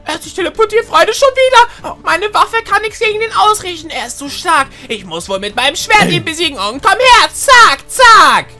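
A woman playing a young human boy in a game role-play, excitable and full of "äh" and "hä", talking to viewers. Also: extremely high pitch, fairly quick, few pauses, soft background music. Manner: excitable, many "äh" and "hä", talks to viewers as "Freunde". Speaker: Minecraft role-play YouTuber.

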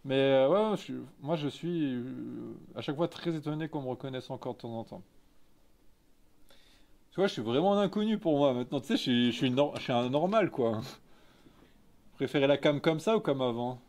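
With lively intonation and a slightly mellow, medium-pitched voice, a thirtysomething man from Lorraine, France talks at normal speed. Sitting in a small indoor photo studio office, he reads and replies to his live-stream chat in casual, candid slang, his eastern French accent clear.

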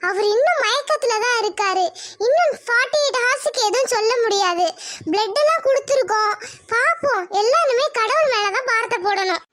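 A woman voicing a calm, grave hospital doctor in a cartoon, soothing and measured, with a pitched-up voice.

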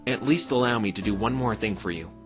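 For a fan dub of visual novel game dialogue, a man voices an earnest, plain-spoken, wry defense lawyer in conversational exchanges, sounding earnest as he explains. His lowish, fast voice is close to everyday speech, with background music underneath.

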